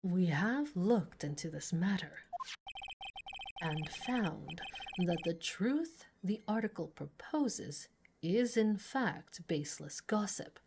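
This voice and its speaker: Woman playing a haughty male prosecutor, low, quiet, measured, disdainful, video game. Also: lively intonation, gravelly, background noise, exaggerated voice. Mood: cool.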